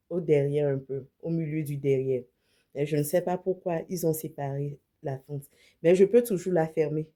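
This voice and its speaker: A beauty vlogger and image consultant talks casually through a wig unboxing demo, sprinkling English words into her speech. Her voice is low and mellow, and she has a slight cold.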